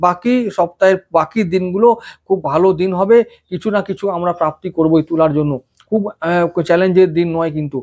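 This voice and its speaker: A man's voice: high-pitched, fairly even intonation, darkish tone. A man with a Bengali accent, an astrologer giving a weekly horoscope and rattling off lists of predictions with fillers and restarts. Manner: rapid listing with fillers and restarts. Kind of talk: weekly horoscope talk to camera.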